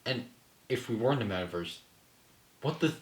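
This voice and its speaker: In a casual chat after a table read, a filmmaker with a mid-pitched voice explains his ideas, often ending points with a questioning "right?" He speaks at a normal speed with lively intonation, and the room is noticeably echoey.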